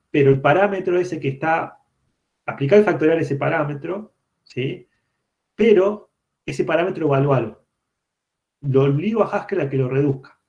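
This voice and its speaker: Teaching programming to university students online, a man explains each step and keeps checking they're following. His voice is a little high and darkish, picked up by a computer mic as dull lo-fi video-call audio.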